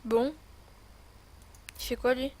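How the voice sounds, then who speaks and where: A woman's voice: sits high, fairly even intonation, slow, mellow. A woman with a lisp on her s sounds, rambling and thinking aloud in casual commentary as she hosts a gaming video.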